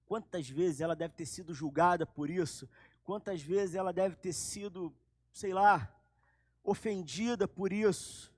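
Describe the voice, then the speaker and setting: Male pastor, highish voice, dramatic sermon delivery. Dry, close recording. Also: measured pace, no echo. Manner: animated, dramatic storytelling.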